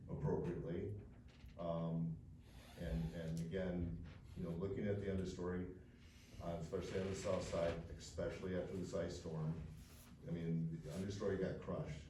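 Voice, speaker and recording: In a township meeting room, the developer's representative walks the public through a plan, his deep, dark voice barely shifting in pitch as he talks at normal speed. He wanders, restarting often and leaning on fillers, captured by a far-off mic amid room echo and light hiss.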